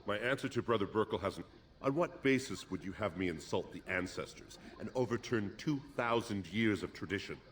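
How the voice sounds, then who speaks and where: An actor playing a stern, formal dwarf archivist in a video game, speaking solemnly. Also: male voice, lowish voice, lively intonation, fairly quick, a little hiss or hum, natural voice. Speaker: dwarven record keeper in a video game.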